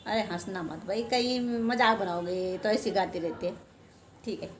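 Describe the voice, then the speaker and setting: A woman's voice: mid-range voice, normal speed. An older woman talks to her viewers in a chatty, rambling way. She pokes fun at herself as she goes. A faint hum of room noise sits under her voice. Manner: chatty, rambling, self-deprecating. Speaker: home vlogger. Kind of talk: casual chat to camera.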